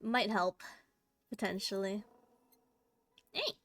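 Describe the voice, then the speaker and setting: A woman's voice: mid-range voice, animated, slow pace, fairly bright tone, no room sound. A woman livestreaming in a playful, giggly gamer-girl manner, chatting casually with her viewers and swearing freely. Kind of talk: casual chat with live stream viewers.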